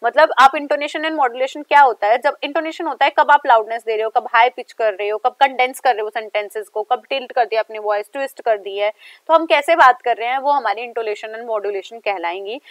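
Indian woman teaching, slow English readouts. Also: fairly high pitch, no room sound. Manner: explains step by step, slows down to read English lines aloud. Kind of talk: exam-prep lecture mixing Hindi and English.

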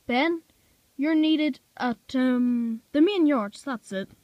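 Bossy strict railway chief guy, done by a woman, slow firm orders, no nonsense, dry sound. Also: high voice, darkish tone, dry recording, lo-fi sound. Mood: stern. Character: stern portly male railway boss, strict.

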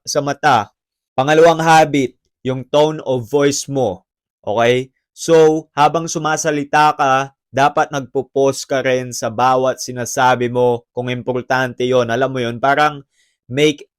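A man giving brash, emphatic advice in a preachy bro tone. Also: fairly high pitch. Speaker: self-help vlogger. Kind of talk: motivational advice talk, mixing Tagalog and English.

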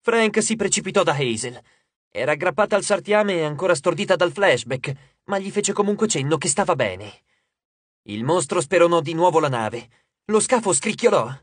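Male audiobook narrator, dramatic storytelling, slightly high voice, dry close studio sound. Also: expressive, normal speed, no echo.

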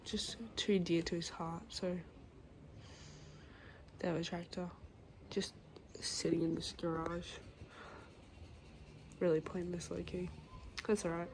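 A woman's voice: lowish voice, flat delivery, takes it slowly, pauses often. A young woman chatting casually in a vlog, playful and dramatic, swearing freely. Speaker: vlogger. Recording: noisy handheld outdoor audio.

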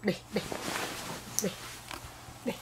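In a casual home vlog, a young mother coaxes, teases and gently scolds her child while addressing her viewers. She speaks very slowly, and background noise can be heard.

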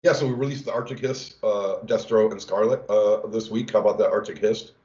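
A man from the game team sharing player stats on a livestream, halting with many fillers. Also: lowish voice, steady tone, darkish tone. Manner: halting, many uhs and restarts. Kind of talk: casual livestream chat. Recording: echoey room, dull lo-fi audio.

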